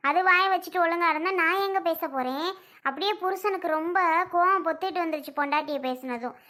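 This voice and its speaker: A woman's voice: very high voice, fast, bright, forceful tone. A woman playing a stubborn middle-aged mother who scolds her grown daughter and argues with the family in a drama skit. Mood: scolding. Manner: scolding, argumentative.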